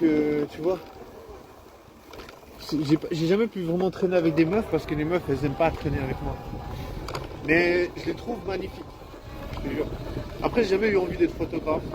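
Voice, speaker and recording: On the high side, a young man's voice comes through with background noise in this outdoor vlog. He rambles in casual slang, mocking himself as he recounts his day and admits he's cold and coming down with a bug.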